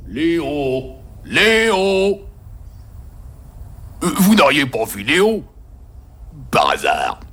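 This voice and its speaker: A man's voice: a little high, big pitch swings, extremely slow, long pauses, full character voice. An actor voicing an unbothered grown-up man in a cartoon, speaking dryly over music. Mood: searching.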